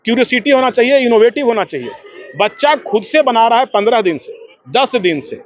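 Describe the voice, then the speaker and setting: Man, school head, emphatic lecturing tone, high pitch, dull lo-fi sound. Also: expressive, brisk, no room sound. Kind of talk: speaking to a news camera. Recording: dull lo-fi news audio.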